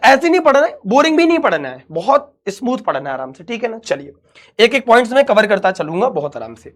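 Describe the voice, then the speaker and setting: A man's voice: high voice, big pitch swings, fairly quick, a bit bright. A young man, teaching an online physics class in a chatty, reassuring way and calling the students his dear children.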